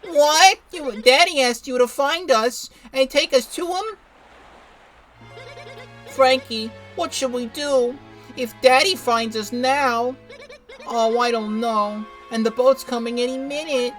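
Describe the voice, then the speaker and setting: A lovestruck young mob daughter from a video game, as a man puts her on in falsetto, her voice pitched high and pushed loud with theatrical longing. Faint game music plays underneath. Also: takes it slowly, exaggerated voice. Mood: indignant. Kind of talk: playthrough voice acting of game text.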